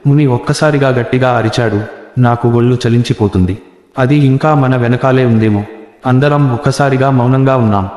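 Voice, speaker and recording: A man telling a first-person horror story in a measured, suspenseful way. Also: medium pitch, darkish tone. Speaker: narrator. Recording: roomy echo with long reverb.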